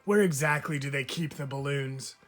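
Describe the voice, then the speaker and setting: A man's voice: medium pitch, normal speed, close to an everyday voice. A man reading a picture book aloud, voicing a fretful mother who keeps protesting. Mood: exasperated. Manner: exasperated, protesting. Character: fretful mother, adult woman.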